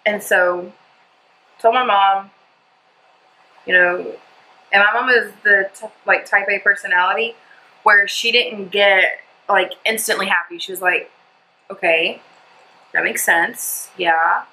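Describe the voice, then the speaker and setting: A woman's voice: mid-range voice, steady tone, a little slow, pauses often, sharp tone, poor audio. A young woman telling a personal story in a casual, rambling vlog while doing her makeup. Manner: chatty, lots of "like" and "blah blah". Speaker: vlogger. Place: indoors at home doing makeup.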